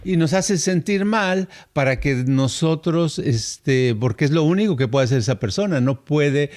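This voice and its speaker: An older man, co-hosting a podcast and telling lively anecdotes in casual chat. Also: a little high, measured pace. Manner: storytelling, animated, acts out quoted voices with laughs. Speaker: podcast co-host.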